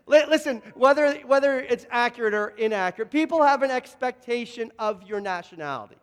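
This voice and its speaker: High-voiced pastor in a reverberant hall. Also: male voice, normal speed, clear, resonant tone. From Canada, Toronto. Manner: lively anecdotes, frequent word repeats and restarts. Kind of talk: storytelling sermon.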